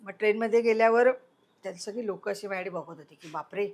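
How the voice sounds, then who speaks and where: A middle-aged woman telling a story in an interview, acting out quoted voices and swinging between loud and hushed. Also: medium pitch, steady tone, fast talker.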